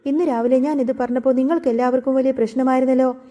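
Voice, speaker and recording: A woman narrator voicing a scornful, scheming middle-aged woman who mocks and shouts taunts in a storybook retelling. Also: high-pitched, steady tone, fast, lo-fi sound, close to an everyday voice.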